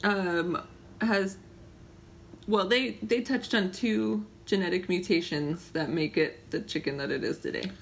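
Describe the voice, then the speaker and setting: A woman co-hosting a casual podcast, chatty and quick to laugh as she walks through her notes. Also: medium pitch. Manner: giggly, animated, laughs often. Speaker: podcast co-host. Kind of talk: casual chat.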